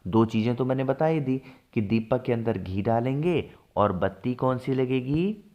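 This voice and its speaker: A man teaching household ritual steps, often asking a question and then answering it himself, slowing down to stress key steps. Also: medium pitch, animated, dull audio. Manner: asks and answers his own questions. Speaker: religious ritual instructor. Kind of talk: devotional how-to teaching.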